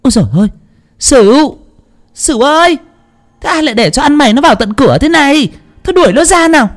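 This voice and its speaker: Brief: a man putting on a bossy, skeptical rich wife, pitched up and scolding, storybook tale. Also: very animated, warm tone. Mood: shrill. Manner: scolding, quick retorts. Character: sharp-tongued wealthy older wife, skeptical, bossy.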